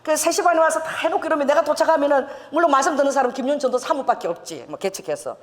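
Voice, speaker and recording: A woman's voice: sits high, racing. Older woman pastor, echoing hall. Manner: storytelling with laughs and acted quotes. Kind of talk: sermon testimony. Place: church sanctuary.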